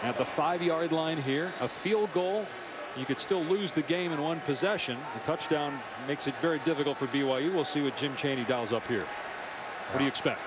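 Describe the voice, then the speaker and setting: Guy doing football play by play, highish voice, really noisy stadium. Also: a little fast. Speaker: play-by-play announcer. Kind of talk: live football commentary. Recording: loud stadium crowd and noise behind.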